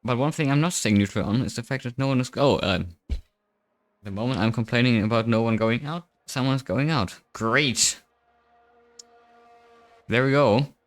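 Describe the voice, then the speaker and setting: A man's voice: medium pitch, moderate pace, pauses often. A young man commentating a sim racing qualifying session on a live stream, chatty and self-mocking, thinking aloud into a desk microphone.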